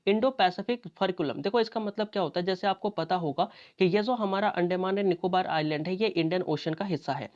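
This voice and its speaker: Female exam coach, low voice, chatty question-and-answer delivery, muffled lo-fi recording. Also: darkish tone. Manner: conversational, repeats fillers, asks and answers own questions. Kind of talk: explanatory lecture. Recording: dull lo-fi audio.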